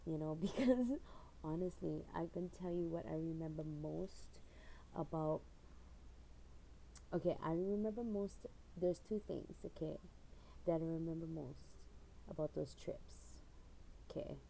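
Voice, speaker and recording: A woman's voice: deep voice, measured pace, vocal fry, pauses often, warm tone, a little hiss or hum, low-quality recording. A middle-aged woman from Hawaii, chatting casually in her own vlog and telling stories with lots of fillers. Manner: rambling storyteller with frequent fillers and laughs. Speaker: channel owner.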